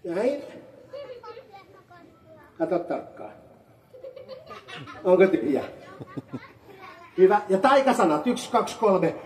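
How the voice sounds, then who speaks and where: With long pauses between bits, a woman entertains children with a magic show in an amusement park's performance area, teasing the young volunteers and bursting into high-pitched calls on the magic words. Her animated patter sounds distant and roomy, with faint ambient noise.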